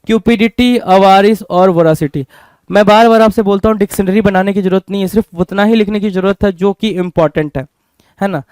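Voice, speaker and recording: A man's voice: high-pitched, fairly quick, a little mellow, clean tone, no echo. An Indian man teaching an exam-prep vocabulary lesson, asking questions and answering them himself, repeating each word as a drill. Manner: repetitive, drilling.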